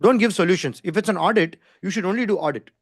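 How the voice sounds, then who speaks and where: Fast-talking Indian man teaching an online class. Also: high-pitched, husky, no echo, studio quality. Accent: Indian English. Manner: didactic, insistent, repeats himself, often checks with "okay?". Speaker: design skills instructor. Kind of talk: live online lesson, informal explaining. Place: online video call with screen share.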